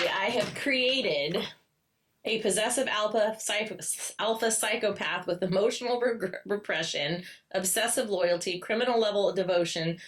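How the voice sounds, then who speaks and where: A young adult woman co-hosting a casual book podcast, her voice at an ordinary middle pitch. She works through a prepared list and drops dry, witty one-liners along the way. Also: fairly bright tone, far from the mic. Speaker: podcast co-host. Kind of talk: casual chat about romance books.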